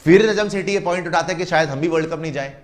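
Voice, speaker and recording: A man's voice: on the high side, rapid-fire. A man giving opinionated, emphatic cricket commentary, lecturing his listeners and mocking the other side.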